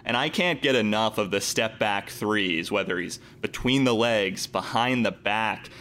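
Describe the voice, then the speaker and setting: A man co-hosting basketball talk, giving enthusiastic commentary in measured phrases. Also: lowish voice, bright, forceful tone. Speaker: sports show co-host.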